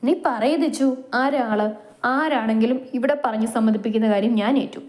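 A confident, protective young husband who asks anxious questions and promises to help, read by a woman narrator in her own light, mellow voice. It is a storybook rendering, not a deep male voice. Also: moderate pace, lightly acted. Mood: concerned. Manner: confident, reassuring.

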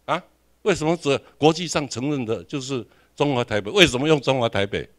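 A man's voice: mid-range voice, fairly quick. A man with a Taiwanese accent giving a classroom lecture, questioning the audience and repeating his points.

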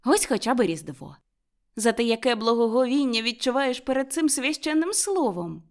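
Lady doing a cheery excited young guy, high and lively, storybook. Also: moderate pace. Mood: pleading. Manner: eager, pleading and excited. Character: cheerful warm-hearted young man.

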